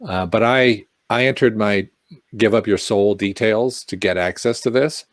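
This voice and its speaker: A man's voice: on the low side, moderate pace, no echo. A man co-hosting a casual tech livestream, chatty and joking, wandering into tangents. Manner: animated, jokey, tangents. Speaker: podcast co-host.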